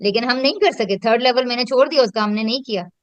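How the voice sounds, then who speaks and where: With a fairly high pitch and fast delivery, an educator and host reflects conversationally on her teaching, slipping English terms into her speech. There's no echo on the recording.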